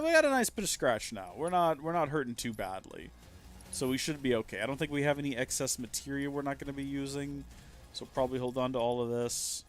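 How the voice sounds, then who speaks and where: Chatty man streaming a game. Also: medium pitch. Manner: chatty, jokey, thinking aloud. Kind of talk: casual gameplay commentary.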